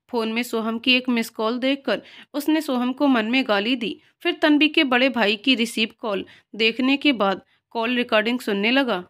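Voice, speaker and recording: High-voiced woman narrating a story.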